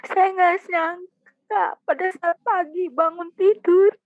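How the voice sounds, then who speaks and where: Very high-voiced, slow, sorrowful woman. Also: level tone, dry recording. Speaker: friend sharing memories. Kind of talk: casual remembrance talk. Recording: dull, dry audio with faint music.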